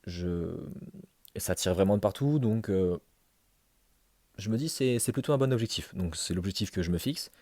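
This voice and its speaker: A man's voice: low voice, lively intonation, normal speed, long pauses, a little mellow, dry recording, clean studio sound. A man giving a casual, conversational voice-over recap as a fitness challenge vlogger. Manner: informal, conversational, addressing himself and viewers.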